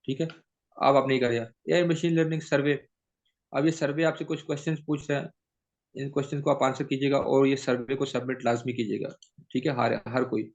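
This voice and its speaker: A man's voice: medium pitch, steady tone, fairly quick. A man teaching a training session, mixing English into his explanations and often checking with "theek hai?". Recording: dull lo-fi recording.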